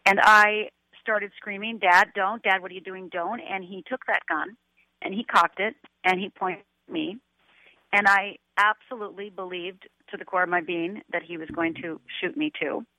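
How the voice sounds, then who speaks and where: A woman's voice: mid-range voice, fairly even intonation, moderate pace, pushed and bright, no echo. A middle-aged woman, a life coach, telling a painful personal story as a radio guest, earnest and emotional, her voice climbing when she quotes herself. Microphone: telephone. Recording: tinny phone line.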